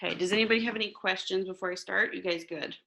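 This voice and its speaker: A woman's voice: medium pitch, steady tone, racing, gravelly, a bit bright. A woman leading a guided meditation for a group, talking in an informal, instructional way. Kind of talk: casual chat with a group before a meditation; slow guided meditation from line 81.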